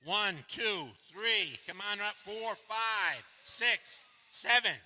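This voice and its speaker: An older man hosting a live building event on a hand mic, briskly calling people up to the stage and pointing them to their tables. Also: sits high, bright, forceful tone. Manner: brisk, directing people with repeated "right over here". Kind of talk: calling on an audience and running a stage game. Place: stage in a large hall with an audience. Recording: reverberant hall from a live event.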